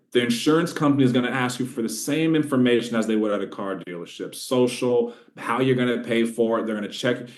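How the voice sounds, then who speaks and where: A man runs a casual training session for salespeople, speaking at a middle pitch. He is emphatic and coaching, and he keeps checking that his listeners follow. The recording carries a roomy echo. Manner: coaching, emphatic, talks to trainees directly with frequent check-ins.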